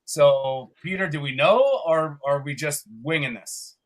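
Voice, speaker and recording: A man's voice: a little high, measured pace, a crowd in the background. A man from Canada co-hosting a live podcast, chatty and upbeat, often laughing as he rambles. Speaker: podcast co-host.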